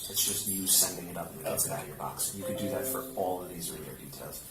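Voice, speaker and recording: Low-voiced male officer, distant and echoey. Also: fast talker. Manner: explains step by step, checking with "right?". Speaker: police officer training a colleague. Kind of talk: casual hands-on instruction. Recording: roomy, noisy, distant body camera pickup.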